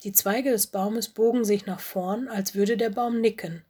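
A woman narrating a children's audiobook in a calm, gentle storytelling manner. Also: medium pitch, measured pace, breathy edge.

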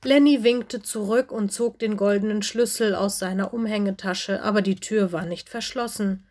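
A woman narrating a children's storybook in a calm, expressive storytelling voice. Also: mid-range voice, normal speed. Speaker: audiobook narrator.

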